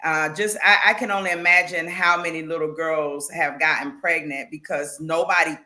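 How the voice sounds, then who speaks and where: A woman's voice: deep voice, fairly even intonation, normal speed, bright, forceful tone. A woman talking as an interview guest, earnest and emphatic, with faith references. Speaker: guest, founder of a women's platform. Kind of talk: conversational interview.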